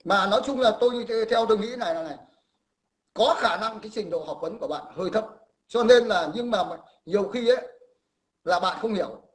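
A male host runs a live call-in stream in a fairly high voice. He lectures his callers in a condescending tone and keeps pausing to clear his throat.

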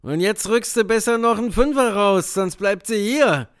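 A man reading an audiobook, voicing a crude, greedy old grave robber who makes gruff demands. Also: high-pitched, expressive, moderate pace, dry recording, clean studio sound, voice pushed up. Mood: demanding.

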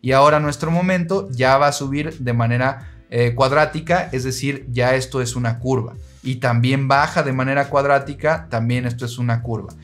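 A man teaching engineering, explaining diagrams in a patient, steady way and speaking straight to the listener. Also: medium pitch, normal speed, hardly any pauses, soft background music.

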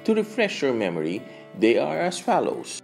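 A man reading out contest instructions for an event in a clear, scripted manner. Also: medium pitch, wildly swooping pitch, normal speed, faint music behind. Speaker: announcer. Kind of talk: scripted announcement.

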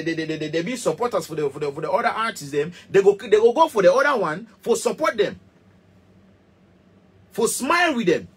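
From a small studio, a man in his thirties who is a musician speaks heatedly into the camera in a Cameroonian Pidgin English accent. His husky voice sits high, and he is passionate and emphatic, repeating himself and gesturing.

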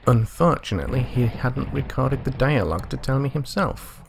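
A man's voice: mid-range voice, lively intonation, normal speed, gravelly, background noise. A man giving casual gameplay commentary as he plays through a video game. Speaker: gamer, let's play commentator.

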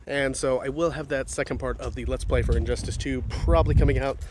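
A man's voice: mid-range voice, steady tone, fast talker, noisy background. A young man chatting casually to his phone camera in a vlog, rambling and swearing a lot. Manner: rambling, swears often, repeats "definitely". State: out of breath on stairs. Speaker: vlogger. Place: office building and stairwell, indoors.

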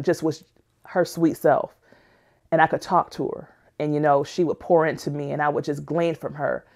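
A woman's voice: sits low, gravelly, darkish tone. A woman narrating her own life story as a personal testimony, earnest and emotional in a plainspoken way. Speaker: memoir narrator.

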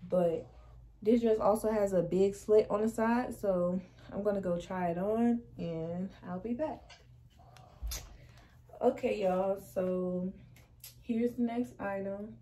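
A woman's voice: mid-range voice, takes it slowly, warm tone, rough recording. A young woman, chatting through a clothing try-on haul in her bedroom, sassy and full of slang. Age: young adult. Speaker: fashion vlogger. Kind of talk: casual try-on haul chat. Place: small bedroom indoors. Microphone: camera across the room.

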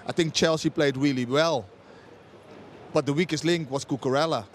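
A middle-aged man debating as a football pundit pitchside, with many restarts and non-native phrasing. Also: moderate pace, a little hiss or hum. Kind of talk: studio-style punditry debate. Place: outdoors pitchside at a stadium. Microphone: handheld mic.

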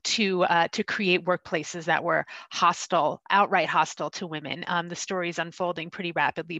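Low-voiced professor, dry sound. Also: female voice, a bit bright, no room sound, poor audio. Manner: thoughtful, rambling, with restarts. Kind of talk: panel answer.

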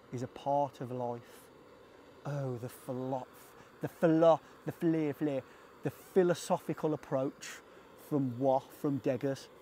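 A man's voice: mid-range voice, dark tone, slight background noise. A man chatting casually to camera on a hike, joking about himself and talking to his dog between thoughts. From England. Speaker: vlogger. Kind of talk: casual vlog chat. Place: outdoors on a hiking trail.

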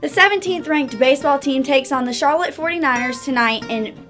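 High-voiced young woman botching news reads. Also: brisk, fairly bright tone, faint music behind. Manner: exasperated at her own slips. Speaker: student sports news anchor. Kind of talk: news-desk reading with bloopers.

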